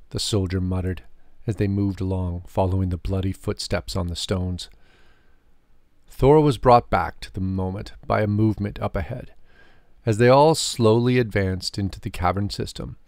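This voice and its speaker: Low-voiced man narrating a fantasy tale. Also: dry recording, studio quality. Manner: measured, expressive storytelling. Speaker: author and narrator. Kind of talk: scripted storybook narration.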